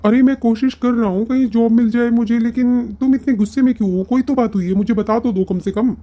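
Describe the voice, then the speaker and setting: Supportive young cartoon husband, rapid and eager, as a performer voices him. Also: medium pitch, fairly even intonation, highs cut off, close to an everyday voice. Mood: concerned. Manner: fast, eager, reassuring. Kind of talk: cartoon voice acting.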